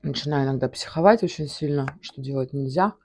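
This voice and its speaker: A woman vlogger chatting casually with her mouth full, talking between bites in a halting way. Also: a bass voice, darkish tone, slight background noise. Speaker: mukbang vlogger. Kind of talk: casual eating vlog chat.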